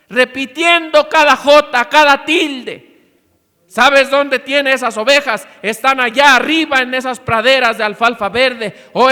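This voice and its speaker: High, bright-voiced Mexican pastor preaching. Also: male voice, long reverb tail. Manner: preaching with frequent amens and acted dialogue. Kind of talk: sermon. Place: church hall.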